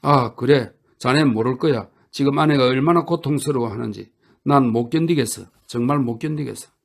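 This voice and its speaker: A man's voice: medium pitch, normal speed, gravelly. A man reading a distraught, pleading husband. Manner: pleading, choked.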